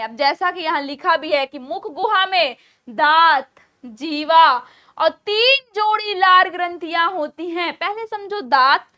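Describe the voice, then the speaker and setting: Young woman teacher, lively, keeps firing questions at her class. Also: very high-pitched. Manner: lively, repeats questions to students. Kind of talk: online class lecture.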